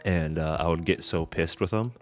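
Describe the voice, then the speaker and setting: Deep-voiced man ranting casually. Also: moderate pace, faint music behind. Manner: profane, ranting storyteller. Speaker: podcast co-host. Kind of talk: casual chat.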